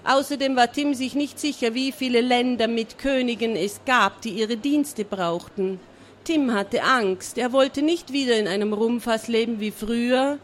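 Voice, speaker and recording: A woman reading a children's adventure story aloud in a lively, expressive way, with small slips. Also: a little high, a little slow, a little hiss or hum.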